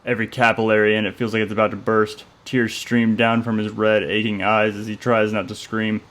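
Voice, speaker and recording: Low, flat-voiced male storyteller. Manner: steady, flat, measured delivery. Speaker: narrator. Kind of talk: scripted story narration.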